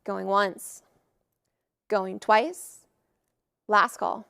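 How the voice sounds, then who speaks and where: A woman auctioneer calling bids in a live auction with brisk, formulaic patter. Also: medium pitch, steady tone, gravelly, pushed and bright, clear, resonant tone, no echo.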